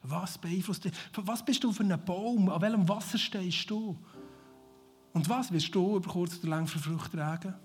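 Excitable preacher, husky voice. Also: male voice, high-pitched, moderate pace, faint music behind. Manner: enthusiastic, swings from shouted praise to near-whispered reflection; laughs often, mixes English exclamations into his preaching. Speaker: pastor. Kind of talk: sermon.

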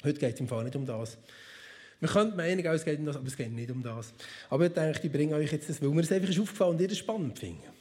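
A man's voice: fairly high pitch, animated, quick pace, darkish tone. A man with a Swiss German accent telling a Bible story as a casual sermon, chatty and speaking straight to his listeners with asides. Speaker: preacher.

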